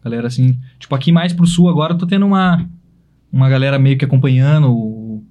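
A male DJ guest talking about his gigs in a relaxed, slangy way. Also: mid-range voice, quick pace, muffled recording. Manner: laid-back slangy talk. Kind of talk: casual interview chat.

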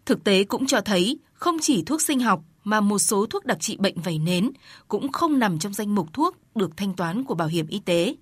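A woman reporter reading scripted news narration in a steady, formal way. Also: medium pitch, normal speed, slightly rough, no room sound.

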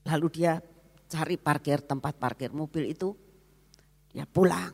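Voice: medium pitch, measured pace, creaky. Preacher telling a story in a reverberant hall. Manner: emotional, swells to loud exclamations; addresses the congregation directly. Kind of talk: sermon storytelling.

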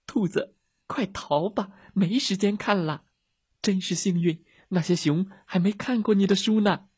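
A scared little chubby sidekick. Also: male voice, high-pitched, measured pace, darkish tone, breathy edge, voice pushed up. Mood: urgent. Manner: shaky, panicky cries. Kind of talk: children's storybook reading.

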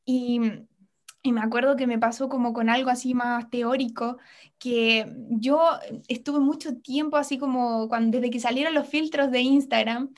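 Young woman, guest, earnest testimony, bright high register, lively retelling. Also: normal speed. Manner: earnest, retells with quoted voices. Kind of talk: personal testimony in a podcast interview.

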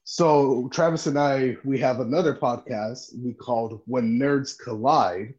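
A man's voice: medium pitch, steady tone, a little mellow. Friendly male podcast guest, dull lo-fi sound. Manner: friendly, halting with many ums. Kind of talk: casual podcast chat.

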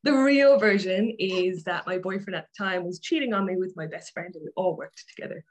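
Irish woman in her 30s on a chatty podcast, laughs a lot, pokes fun at herself, mid pitch. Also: a little fast, rough recording. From Ireland. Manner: candid and self-mocking, laughs often. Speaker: guest life coach. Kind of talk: casual podcast chat.

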